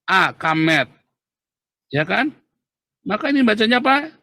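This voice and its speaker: A man's voice: sits high, very animated, unhurried, bright, forceful tone, no room sound. Emphatic preacher man, dry sound. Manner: emphatic, rhetorical questions to listeners. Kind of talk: teaching sermon.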